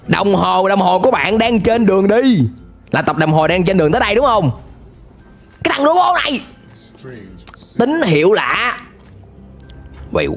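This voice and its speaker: A man gives excited reaction commentary, often shouting and dropping English exclamations. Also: high voice, creaky. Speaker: YouTuber reacting to an animated series.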